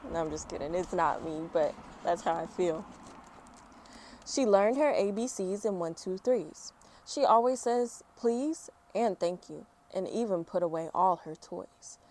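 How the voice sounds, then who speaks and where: Reading a children's picture book out loud, a woman with a lowish voice takes her time and sounds expressive. She breaks off now and then for casual, chatty comments.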